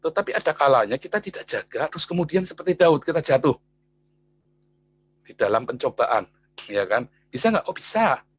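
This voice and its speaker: A man preaching a casual sermon, animated and exclamatory, with frequent interjections and chuckles. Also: fairly high pitch, a little fast, pauses often, breathy edge.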